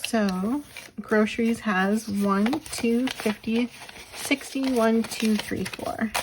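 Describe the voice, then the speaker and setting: A woman hosting a budgeting vlog, counting bills aloud and thinking out loud while losing her voice. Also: fairly high pitch, fairly even intonation, takes it slowly, background noise. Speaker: budgeting channel host. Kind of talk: casual counting-along vlog.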